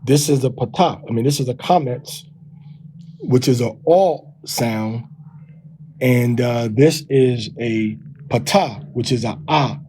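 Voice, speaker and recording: A man teaching from a text, sounding out syllables slowly and repeating them. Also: medium pitch, mellow, slight background noise, low-quality recording. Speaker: teacher of a language lesson.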